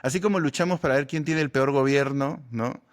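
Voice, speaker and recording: A man from Peru with a Peruvian Spanish accent, chatting as a comedian guest in a relaxed, storytelling way, often ending phrases with a questioning tag. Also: mid-range voice, brisk. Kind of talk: casual interview chat.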